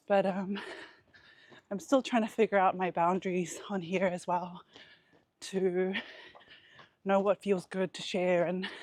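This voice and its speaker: A woman talking candidly and reflectively to her vlog while out running, in a halting, casual way with pauses. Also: mid-range voice, a little mellow, dry recording. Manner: candid, introspective. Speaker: vlogger.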